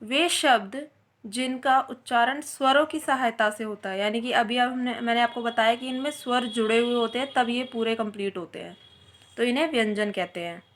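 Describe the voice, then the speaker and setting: A woman's voice: a little high, moderate pace. A woman teaching a Hindi grammar lesson, explaining step by step and answering her own questions as she goes.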